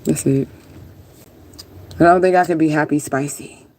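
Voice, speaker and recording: Her voice sits low and a little mellow, steady in tone and moderate in pace, as she chats casually on a livestream. She answers viewers in a rambling, easygoing and sometimes profane way.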